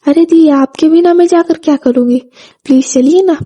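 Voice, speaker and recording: A woman's voice: high-pitched, moderate pace, dark tone, close to an everyday voice. Woman voicing a friendly, affectionate young woman. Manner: friendly, polite.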